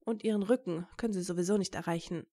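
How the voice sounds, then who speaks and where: A woman reading aloud and voicing an earnest young male student who explains things gently and in a measured way. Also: lowish voice. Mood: gentle.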